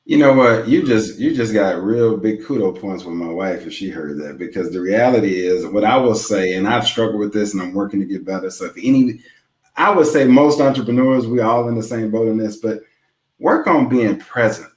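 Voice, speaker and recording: A man's voice: fairly low pitch, fairly quick, roomy sound. A man co-hosting a casual business chat show, folksy and joking while giving earnest advice. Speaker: co-host.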